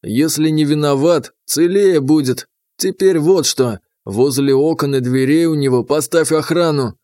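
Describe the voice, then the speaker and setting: A man's voice: fairly high pitch, a little slow, warm tone, no echo, lightly acted. A man doing a sly, mocking court official. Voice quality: sly, sardonic.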